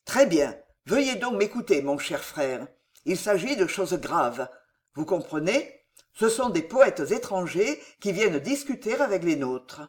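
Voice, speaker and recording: A reader voicing a sly, stern old monk who is greedy for food and wine, speaking low and commanding. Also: sing-song, a little slow. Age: older.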